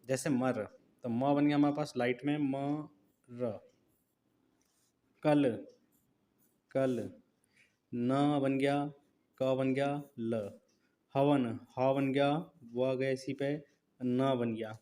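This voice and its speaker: Male shorthand teacher, mid pitch, slow repetitive dictation while writing. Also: little pitch movement, dark tone. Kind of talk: step-by-step writing lesson.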